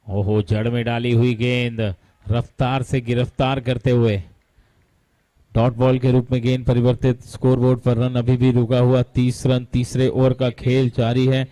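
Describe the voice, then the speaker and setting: A man's voice: mid-range voice, level tone, normal speed, mellow, dry recording, rough recording. A man with an Indian accent doing live cricket commentary, dramatic, with rhyming wordplay and some English mixed in for the scores.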